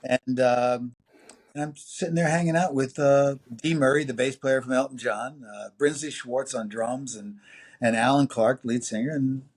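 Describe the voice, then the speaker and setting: Rambling New York man in his sixties. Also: medium pitch. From New York City. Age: 60s. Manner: rambling, anecdotal, lively quoted voices, many fillers. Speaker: music producer and engineer guest. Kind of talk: casual interview storytelling.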